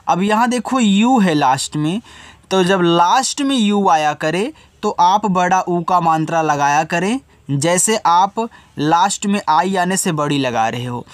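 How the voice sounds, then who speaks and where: A man's voice: high-pitched, dry recording. A man teaching a beginners' spelling lesson, patiently spelling each word out letter by letter before reading it.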